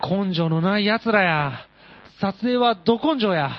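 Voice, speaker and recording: A man's voice: high-pitched, expressive, unhurried, no room sound, voice pushed up. A man voicing a bossy, grandiose male film director with a Kansai accent, giving brash orders. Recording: dull lo-fi radio audio.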